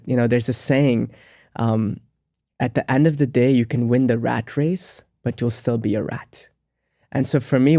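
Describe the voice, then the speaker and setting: A monk and spiritual teacher who grew up in the United States tells his life story as an interview guest, reflective and earnest, with frequent ums and restarts. His voice is medium-pitched and mellow, recorded dry with clean studio sound.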